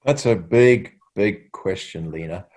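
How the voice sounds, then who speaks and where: A man guest, a workplace wellbeing trainer, answering an interview question with measured anecdotes. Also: deep voice, darkish tone, slight background noise.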